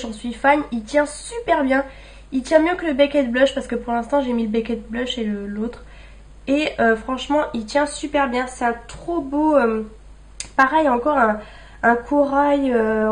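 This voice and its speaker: A young woman with a fairly high voice talks casually through a makeup haul at home. She chats loosely, thinking aloud and trailing off with fillers. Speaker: beauty vlogger.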